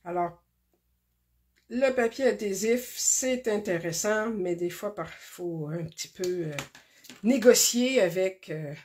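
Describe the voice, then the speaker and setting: A woman hosts a card-making tutorial, talking slowly and carefully through each step with many pauses and fillers. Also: medium pitch, a little mellow. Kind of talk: casual craft demonstration.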